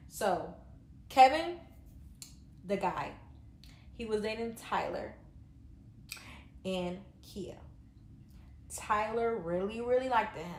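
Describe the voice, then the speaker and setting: A woman's voice: medium pitch, reverberant, slight background noise. A woman giving a casual reaction review of a reality show, talking bluntly with lots of fillers and some swearing. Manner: rambling, filler-heavy, blunt and profane.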